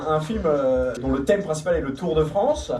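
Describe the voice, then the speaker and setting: A man playing a teasing, mock-polite talk-show host in a comedy sketch, halting and repeating himself. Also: a little high, expressive, lightly acted. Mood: presenting. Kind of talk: improvised stage sketch interview. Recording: distant echoey hall, loud music and crowd.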